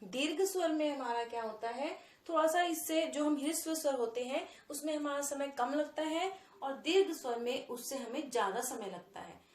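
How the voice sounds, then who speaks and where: A woman teaching a grammar lesson, explaining sounds and slowly repeating example words. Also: high-pitched, roomy sound.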